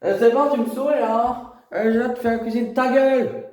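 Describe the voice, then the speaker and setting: A man's voice: fairly even intonation, moderate pace, darkish tone. A man voicing a rude, rebellious teenage girl who mocks and swears back at her mother, recorded in an echoey room. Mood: insolent. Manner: shrill, mocking, swearing back.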